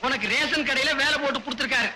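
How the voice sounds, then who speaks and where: A man's voice: very high voice, very fast, pushed and bright, slight background noise, full character voice, poor audio. An actor playing a bossy, sarcastic village man who teases and insults the people around him. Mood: mocking. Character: bossy, mocking village man, middle-aged. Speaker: comic village loudmouth.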